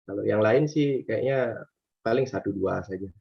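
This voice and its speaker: A man, working as a tour guide, answering interview questions casually, with many hesitations and fillers, lively when he acts out his guests. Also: fairly low pitch, normal speed, gravelly, husky. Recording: slightly muffled lo-fi recording.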